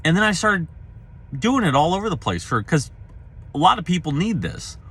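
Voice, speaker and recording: A man's voice: normal speed, husky. A middle-aged man speaking as a career trainer, telling a personal story casually and acting out the dialogue in it. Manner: animated storyteller, acts out quoted dialogue with pitch jumps.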